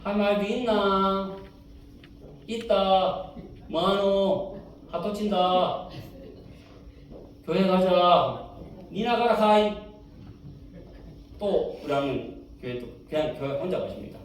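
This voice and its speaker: A man's voice: sits high, slow, pauses often, a little hiss or hum. A man with a Gyeongsang Korean accent preaching a sermon, telling an anecdote and mimicking grandmothers' dialect voices. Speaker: pastor. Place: church sanctuary. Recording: roomy church hall from far off.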